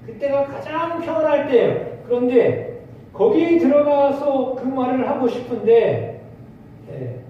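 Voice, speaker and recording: A man preaching a midweek sermon, speaking out a lament with swelling emotion and then explaining it to the congregation. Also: measured pace. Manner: expressive preaching, voicing the speaker's laments with rising pitch. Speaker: pastor. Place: church sanctuary. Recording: echoey hall, distant mic, dull sound, faint noise.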